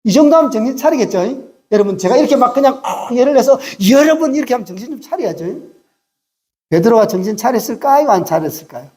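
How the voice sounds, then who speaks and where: A man's voice: very high voice, expressive, fast talker, warm tone. A male pastor preaching a sermon, acting out quoted lines and teasing the congregation, with English phrases slipped in.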